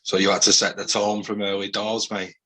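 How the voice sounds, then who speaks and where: A male host asking his guest friendly, easygoing questions. His voice sits low, with a bright, forward tone and a husky edge. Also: little pitch movement, brisk, rough recording. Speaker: podcast host. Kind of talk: casual interview.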